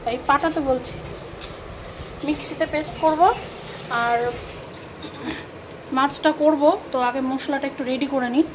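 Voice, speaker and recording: A woman chatting casually in her home kitchen while she cooks for a vlog, rambling and correcting herself often. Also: sits high. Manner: chatty, rambling, self-correcting, many fillers. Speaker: cooking vlogger. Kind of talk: casual cooking vlog chat. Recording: fan hum and room noise.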